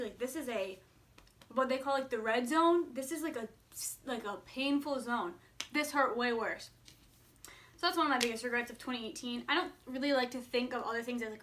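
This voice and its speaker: A woman's voice: a little high, fairly bright tone. A woman of twenty-one talking casually and candidly to viewers, peppering her sentences with "like". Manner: candid, informal, filler-heavy with frequent "like". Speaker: vlogger answering viewer questions. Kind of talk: casual chat to camera.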